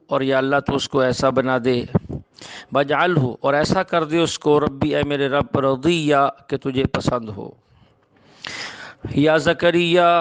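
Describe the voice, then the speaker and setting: A man teaching a Quran translation lesson, reciting each phrase slowly, then explaining its meaning in plain speech. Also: on the high side. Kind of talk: word-by-word scripture translation lesson.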